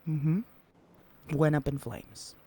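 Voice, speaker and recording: Gravelly mellow man, hushed roleplay talk. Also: fairly high pitch, steady tone. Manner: measured, drops to a hushed whisper at times. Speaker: roleplay player. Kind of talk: in-character roleplay conversation.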